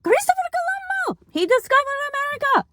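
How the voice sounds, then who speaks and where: A woman voicing an excitable Italian male tour guide who proudly shows off relics in broken English with an Italian accent. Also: very high voice, fairly quick, slight background noise, pitched above the performer's own voice, exaggerated voice. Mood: insistent.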